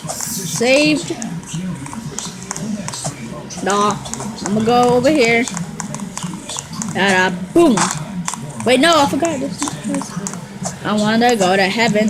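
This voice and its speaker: A woman giving chatty, excitable gameplay commentary, trash-talking other players as she goes. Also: mid-range voice, measured pace, pauses often, heavy background noise. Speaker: gamer.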